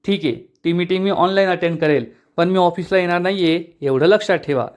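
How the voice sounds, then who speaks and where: A man's voice: sits high, a little fast, lightly acted. A man voicing a curt, irritable young company boss in an episode recap. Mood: peevish. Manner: curt, peevish.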